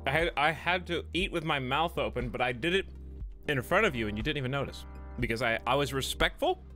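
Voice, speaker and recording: During a home game stream on a desk mic, a man with a cold chats casually with viewers, greeting them and joking. His medium-pitched voice is bright and forceful, and faint game music plays in the background.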